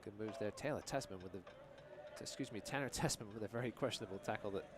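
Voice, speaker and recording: Male color commentator for live soccer, lowish voice, conversational analysis, noisy outdoor stadium behind. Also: fast. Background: outdoor stadium ambience.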